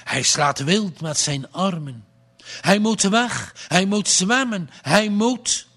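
A man narrating a storybook aloud with a slow, dramatic read-aloud delivery. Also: high voice, lively intonation, fairly bright tone.

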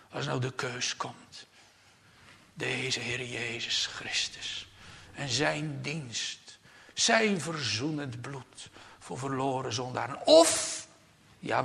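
A man preaching a solemn, urgent sermon in a church, swinging between hushed near-whispers and loud emphatic outbursts and repeating his key phrases. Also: medium pitch, creaky. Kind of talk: sermon from the pulpit. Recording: long church reverb.

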